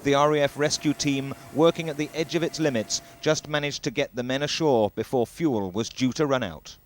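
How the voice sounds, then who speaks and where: A man narrating a news report in a crisp, clipped reporter's style, heard from a worn VHS tape copy. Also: mid-range voice, normal speed, slight background noise. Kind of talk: scripted news report voice-over.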